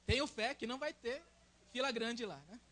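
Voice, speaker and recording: High, bright Brazilian man preaching. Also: moderate pace. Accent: Brazilian Portuguese. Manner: conversational, tags sentences with "né?". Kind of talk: sermon.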